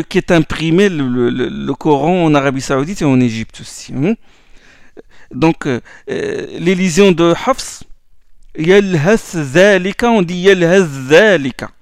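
A man's voice: mid-range voice, vocal fry, no room sound, studio quality. A man teaching Quran recitation rules in a lesson, explaining in French and chanting Arabic verses, often repeating words as he goes.

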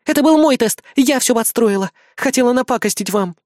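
A man voicing a shrill, desperate young woman. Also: a little fast, a little mellow, no room sound, studio quality. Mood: frantic. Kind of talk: audiobook reading.

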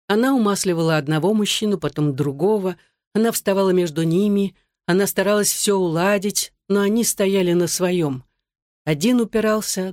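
A narrator reading a novel aloud in a steady, measured way. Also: mid-range voice, no room sound, clean studio sound. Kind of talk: audiobook narration.

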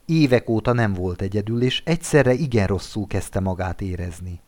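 Man reading a story, lowish voice. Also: a little mellow. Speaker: audiobook reader. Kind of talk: literary narration.

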